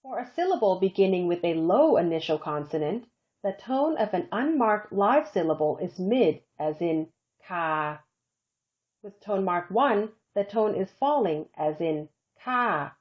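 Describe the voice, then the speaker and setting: Lively-voiced woman narrating a lesson. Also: mid-range voice. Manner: slow, careful demonstration of tone examples. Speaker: language instructor. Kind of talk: scripted narration. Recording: dull lo-fi screencast audio.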